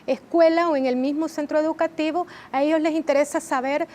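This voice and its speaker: High-voiced woman explaining calmly. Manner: measured, explanatory, with frequent rhetorical tag questions. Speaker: interview guest, training head. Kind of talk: TV interview answers.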